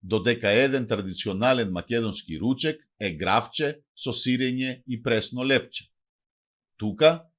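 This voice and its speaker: A man reads a scripted language lesson, his pitch rising and falling in an animated way. He says each word and then its translation in a steady, measured teaching rhythm. His voice sits at an ordinary middle pitch for a man. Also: lo-fi sound. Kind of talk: scripted bilingual lesson narration.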